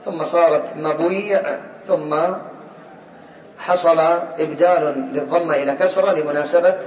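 A man teaching a class, quizzing his students and calling on them, slowly repeating key words. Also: fairly high pitch, steady tone, a little hiss or hum. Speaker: teacher of Arabic morphology. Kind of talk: classroom lecture. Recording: distant, roomy, dull lo-fi recording.

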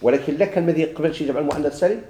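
Moroccan male teacher, fast classroom delivery, asks and answers his own questions, dark tone. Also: fairly high pitch, roomy sound. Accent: Moroccan Arabic. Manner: questions himself and answers, repeating examples. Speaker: grammar teacher. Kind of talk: classroom grammar lesson.

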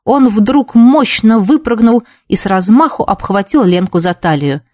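A woman giving an expressive book narration, lively and voicing the characters as she reads. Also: mid-range voice, a little slow, no room sound, clean studio sound. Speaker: audiobook reader.

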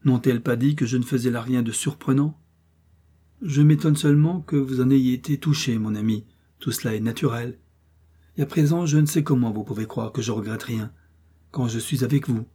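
A man voicing a tender, playful seventeen-year-old wife who speaks softly. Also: mid-range voice, moderate pace, slightly rough, natural voice. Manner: soft, coaxing and playful.

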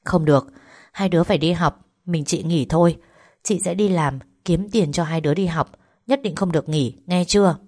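Earnest young village girl, polite, a bit higher than the narration; woman reads her. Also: normal speed, a little mellow, close to an everyday voice. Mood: firm. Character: 18-year-old village girl, devoted, determined daughter.

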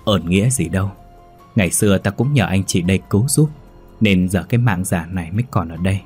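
A man's voice: low-pitched, brisk, a little mellow, husky, faint music behind. A man voicing a kindly old village healer. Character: older village healer, kindly and stern uncle.

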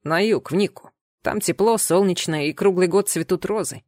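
A woman voicing a low, earnest young knight. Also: normal speed, no echo, studio quality, lightly acted. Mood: calm, serious. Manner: soft, low and earnest, half-whispered. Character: young male knight guardian, protective and tender. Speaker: audiobook reader. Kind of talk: audiobook character voice.

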